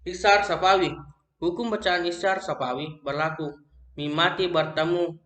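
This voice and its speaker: A young man with an Indonesian accent reads a lesson on recitation rules aloud, slowly and haltingly, often restarting words. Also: sits high, fairly even intonation, a bit bright. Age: young adult. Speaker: student presenting an assignment. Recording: echoey room.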